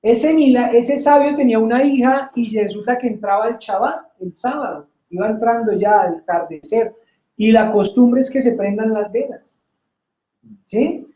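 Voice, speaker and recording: A Bible-study teacher with a medium-pitched voice leads a faith study at normal speed, lively and full of stories, often asking "¿sí?" to check in with the class. The recording sounds roomy and slightly dull.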